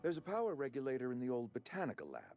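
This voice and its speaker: An actor playing an officious, smarmy town administrator in a video game, speaking in a formal, unctuous manner. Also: male voice, medium pitch, very animated, very fast, a little mellow, soft background music. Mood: smooth, scheming. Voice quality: slimy. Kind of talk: video game character acting.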